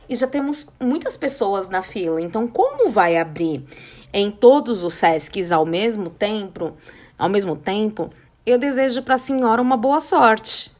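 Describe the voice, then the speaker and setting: A young Brazilian woman from the São Paulo area hosts a podcast, telling a story casually and acting out the dialogue with lively voices. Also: mid-range voice. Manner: animated, acts out quoted dialogue. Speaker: podcast host.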